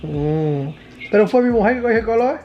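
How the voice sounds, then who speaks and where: A man's voice: sits high, animated, fast, highs cut off. A man in casual conversation. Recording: music over conversation.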